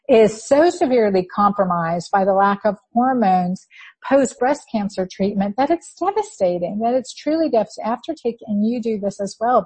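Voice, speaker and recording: A woman's voice: medium pitch, a little mellow, breathy edge. A woman with a Spanish accent hosting a health interview, speaking fluently and in detail, with occasional restarts. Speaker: podcast host. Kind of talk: conversational interview.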